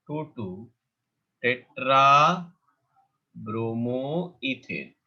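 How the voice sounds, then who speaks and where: A man teaching chemistry in a classroom lecture that mixes Hindi and English. He dictates formulas slowly, then explains in quick bursts. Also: on the high side, pushed and bright, muffled recording.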